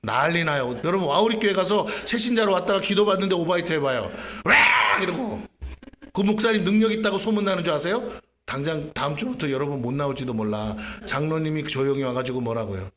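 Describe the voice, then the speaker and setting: A man, the senior pastor, preaching a lively sermon in a church, acting out his prayers and questioning the congregation. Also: a little high, quick pace. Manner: animated, acts out his own prayers and asks the congregation questions. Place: church sanctuary.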